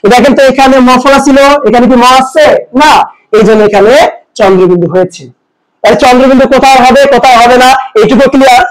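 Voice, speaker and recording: Teacher, man, very high pitch, asks rhetorical questions, repeats rules slowly. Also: poor audio. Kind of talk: pronunciation lesson.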